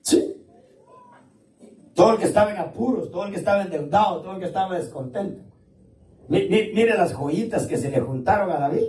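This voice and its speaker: Man, pastor, chatty sermon, high pitch, echoey church hall. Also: fairly quick, pauses often, warm tone, recorded from a distance, slight background noise. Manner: colloquial preaching, addresses listeners as "hermano".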